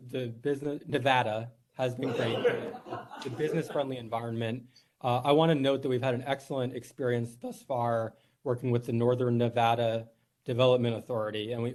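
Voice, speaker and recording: A man's voice: mid-range voice, darkish tone. A man from New York, a company executive giving a formal presentation at a board meeting, earnest and polite, with frequent "uh"s. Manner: earnest, filler-heavy, polite.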